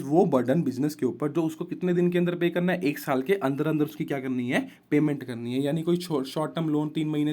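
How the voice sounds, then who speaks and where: A man's voice: a little high, mellow. A man teaching an accounting class, asking the class questions and answering them himself, mixing English terms into Hindi. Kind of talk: classroom lecture.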